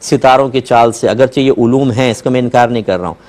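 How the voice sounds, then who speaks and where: इस्लामी आलिम, गला खराब, मध्यम आवाज़ में समझाते हुए. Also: male voice, mid-range voice, quick pace, a little mellow. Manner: earnest explanatory tone, voice jumps up when quoting people. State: sore throat. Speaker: Islamic scholar answering questions. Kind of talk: religious Q&A talk.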